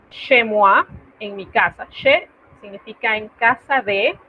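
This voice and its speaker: Teacher woman on a tinny call. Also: medium pitch. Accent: Latin American Spanish. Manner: patient, explanatory, checks in with students. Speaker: French teacher. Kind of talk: online class explanation. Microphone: video call. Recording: tinny phone-like line, faint noise.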